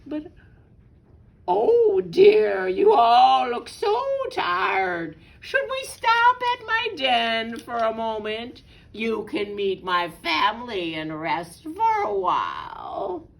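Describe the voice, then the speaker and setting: A woman voicing a sly male fox from a storybook, coaxing with theatrical, drawn-out false concern. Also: on the high side, big pitch swings, gravelly, heavily acted. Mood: falsely sympathetic.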